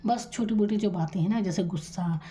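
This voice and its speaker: A woman from India giving a tarot reading, speaking quietly and calmly and addressing the viewer directly with reassurance. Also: mid-range voice, a little hiss or hum. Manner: soft-spoken, deliberately quiet. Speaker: tarot reader.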